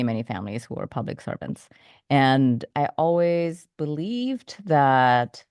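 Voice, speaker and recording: A woman from Indonesia, a podcast host, giving thoughtful, measured interview answers with small restarts. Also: low voice, a little mellow, dry recording, clean studio sound. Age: adult, came to the U.S. as a teenager.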